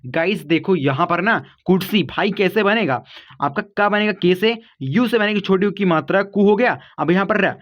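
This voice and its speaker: Male teacher, high voice, patient step-by-step explaining, dull lo-fi sound. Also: normal speed. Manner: patient step-by-step explaining, addresses viewers as kids and guys. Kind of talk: online spelling lesson.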